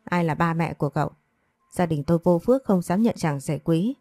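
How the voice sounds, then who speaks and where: A woman's voice: fairly low pitch, a little fast, dark tone, dry recording, soft background music. A woman reading the lines of a worried, protective middle-aged mother in a storybook, with an earnest, scolding manner. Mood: angry.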